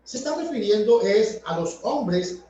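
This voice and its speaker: A man teaches from scripture at an unhurried pace, rephrasing each idea again and again. His voice sits high. The recording is dull and distant, with heavy room echo. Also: sing-song, dark tone. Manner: explanatory, repeats and rephrases points. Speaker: preacher. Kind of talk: Bible study sermon. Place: church hall.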